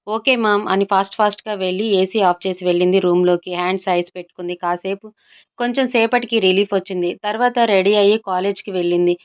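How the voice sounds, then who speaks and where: A woman's voice: medium pitch, fairly even intonation, fast, smooth. A woman narrating a love story as a storyteller, reading each character's dialogue in her own plain voice. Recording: slightly dull lo-fi recording.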